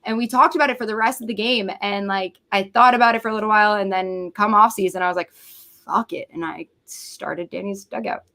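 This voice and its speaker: A woman's voice: mid-range voice, fairly quick. Brash, foul-mouthed woman telling a story. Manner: swears freely, animated, acts out quotes. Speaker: podcast host as guest. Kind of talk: casual storytelling interview.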